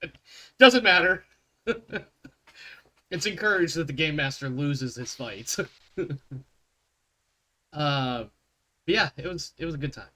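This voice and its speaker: A man's voice: on the high side, slow, long pauses. A man hosting as game master in casual, sweary group banter, often interrupting himself. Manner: sweary, self-interrupting, animated. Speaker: game master and show host.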